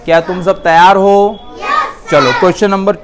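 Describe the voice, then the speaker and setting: A woman's voice: medium pitch, steady tone, normal speed, noisy background. A woman teaching a class, naming words and coaxing students to answer her questions. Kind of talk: classroom lesson.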